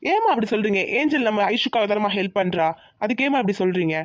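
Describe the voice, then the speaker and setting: A woman voicing a dutiful adult son in a cartoon who gently calms his family. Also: medium pitch, fast talker, dry recording, clean studio sound, natural voice. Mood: placating. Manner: gentle, placating.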